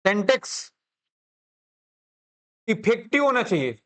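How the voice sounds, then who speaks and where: A male teacher talks a class through a commerce lesson. He jokes, keeps asking whether the students follow, and his pitch swings widely as he explains. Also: very animated, slow, a bit bright. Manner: chatty, joking, checks understanding constantly. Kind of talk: classroom lecture.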